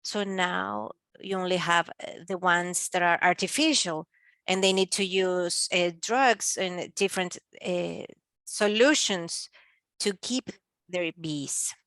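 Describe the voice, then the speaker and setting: Woman, simultaneous interpreter, halting delivery, dry close recording. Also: lowish voice, a bit bright, no room sound. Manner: halting, with pauses and filler sounds.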